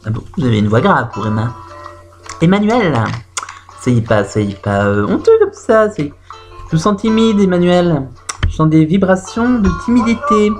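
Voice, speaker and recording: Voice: medium pitch, lightly acted. [name], a performer doing a theatrical female clairvoyant. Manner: theatrical, drawn-out "hmm" and "ouh là là", claims flashes and vibrations. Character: chatty female clairvoyant reading a caller's fortune. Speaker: fortune teller taking a call. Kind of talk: comic phone-in sketch. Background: music playing behind the voice.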